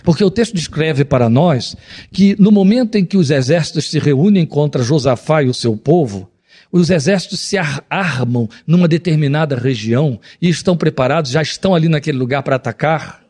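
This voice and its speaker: A middle-aged man, preaching a sermon as pastor, swinging between raised exclamations and low, solemn passages. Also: animated, brisk, darkish tone.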